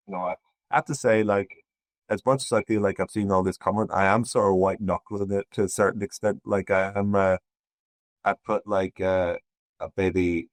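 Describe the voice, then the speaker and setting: A man's voice: low voice, dry recording. A man from Ireland, a podcast guest talking in a meandering, hesitant way with many restarts. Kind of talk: casual conversation.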